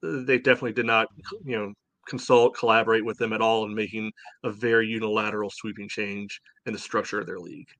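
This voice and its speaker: A man hosts a soccer podcast, offering blunt, indignant opinions and leaning frequently on "you know". His voice is on the low side and fairly bright, fast-talking with fairly even intonation, in a dry recording.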